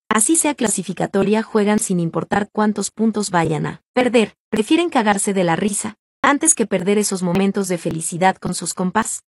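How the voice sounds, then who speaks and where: A woman's voice: mid-range voice, a little mellow, no echo, studio quality. Woman reading a social post. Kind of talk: scripted social-media narration.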